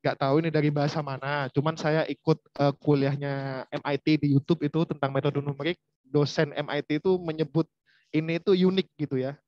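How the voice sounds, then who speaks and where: A man's voice: on the high side, steady tone, brisk, dry recording. A man teaching a university lecture online, chatty and speaking straight to his students. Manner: chatty, addresses students directly. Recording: dull, lo-fi.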